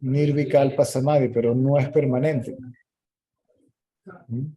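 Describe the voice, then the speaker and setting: A man teaching spirituality in a question-and-answer meeting, explaining calmly and often checking in with a short "yes?". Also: medium pitch, slow, breathy edge, rough recording.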